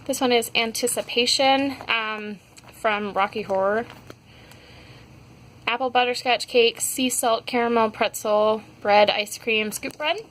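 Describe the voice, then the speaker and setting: A woman's voice: on the high side, fairly even intonation, unhurried, a bit bright, slight background noise, rough recording. A young woman casually reviewing scented wax melts at home, rambling with many fillers. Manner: rambling, many ums and likes. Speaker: wax melt haul vlogger. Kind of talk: casual product review chat.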